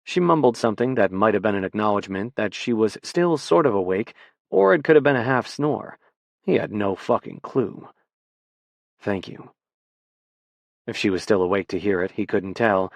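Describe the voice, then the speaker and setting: A man's voice: lowish voice, animated, fairly quick, gravelly, no room sound. Man narrating an audiobook, dry sound. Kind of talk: scripted narration.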